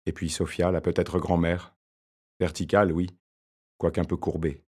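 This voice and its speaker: A man voicing a wry academic husband in an audiobook, narrating in an ironic, measured way. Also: low-pitched, flat delivery, darkish tone, breathy edge.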